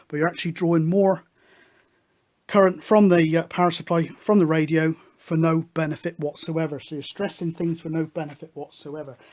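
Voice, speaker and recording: A man's voice: fairly high pitch, a little mellow. British guy doing a casual hands-on electronics demo, chatty and matter of fact. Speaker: host of a hobby electronics video show.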